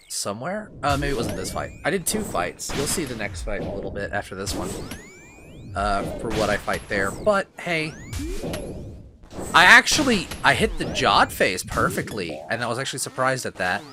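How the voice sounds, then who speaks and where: A man records a rambling voice-over for his gameplay footage, circling back on himself with fillers and half-finished words. He is getting over a cough, and his pitch sits in the middle range. A steady hiss of noise runs under the recording. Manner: rambling, self-deprecating, many fillers and restarts. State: lingering cough, itchy throat. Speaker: gaming channel host.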